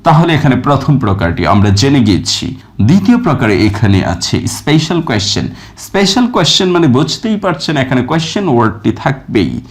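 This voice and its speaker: A man teaching a recorded grammar lesson, reading example sentences slowly and with stress, then explaining each one. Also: medium pitch. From Bangladesh. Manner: reads English examples slowly and with stress, then glosses them. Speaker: English teacher.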